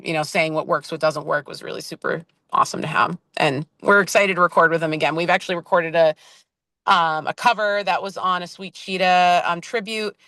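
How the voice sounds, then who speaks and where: A woman's voice: fairly low pitch, sharp tone, no room sound. A woman musician chatting casually in an interview, rambling with many fillers and restarts. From Boston area, US. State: just woke up from a nap. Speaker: band member, interview guest.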